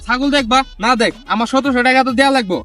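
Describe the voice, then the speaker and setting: In this comedy skit, a man with a rural Bangladeshi Bengali dialect takes the part of a greedy, blustering village moneylender. His pitch is extremely high, he talks quickly, and music plays underneath.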